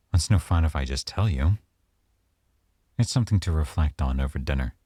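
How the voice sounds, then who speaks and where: This heavily acted ASMR piece has a man portraying a young mafia boyfriend in an intimate scene. His extremely deep voice is mellow and husky yet expressive, captured dry and close. Unhurried and teasing, he comes across coy and smooth, menace lurking beneath.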